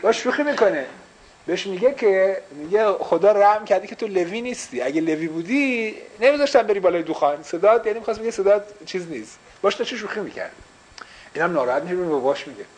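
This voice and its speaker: Man, religious teacher, small class, rhetorical questions, bilingual asides, raised pitch. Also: animated, poor audio. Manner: explains with repeated rhetorical questions; mixes English phrases into Persian.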